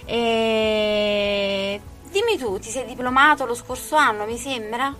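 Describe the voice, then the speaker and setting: A woman's voice: on the high side, slow, sharp tone, faint music behind. A woman hosting a radio interview in a studio, prompting her guests in an encouraging way.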